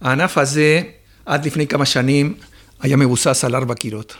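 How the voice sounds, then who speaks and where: A man speaking as a dairy farming expert in an interview, explaining step by step with frequent filler pauses. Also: mid-range voice, a bit bright.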